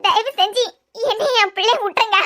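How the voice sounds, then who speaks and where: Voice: steady tone, brisk. A voice actor playing a hurt but resolute young wife in a cartoon serial, with a Kanyakumari Tamil accent, pleading yet firm. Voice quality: very high, bright voice.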